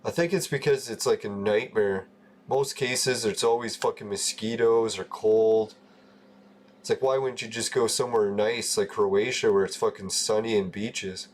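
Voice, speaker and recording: A man's voice: on the low side, fairly even intonation, normal speed. A man in his forties from Canada, chatting casually and loosely on a gaming livestream, swearing often and laughing at his own stories. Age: 40s. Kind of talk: casual rambling chat.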